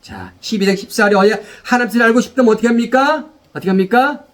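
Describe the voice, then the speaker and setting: A man preaching a sermon as pastor, animated, repeating phrases and leading the congregation in call-and-response. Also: very high voice, quick pace.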